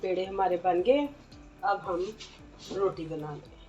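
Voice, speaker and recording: A woman's voice: on the low side, a little slow, warm tone, dull audio. A woman hosting a cooking channel, giving homely step-by-step recipe instructions to her viewers. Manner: homely, explains each step plainly to viewers. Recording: far from the mic with faint music.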